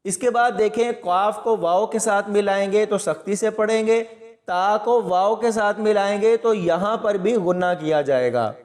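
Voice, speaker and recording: High-voiced male teacher, echoing. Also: darkish tone. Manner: patient, methodical explaining to viewers. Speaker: Quran recitation teacher. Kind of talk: step-by-step tajweed lesson.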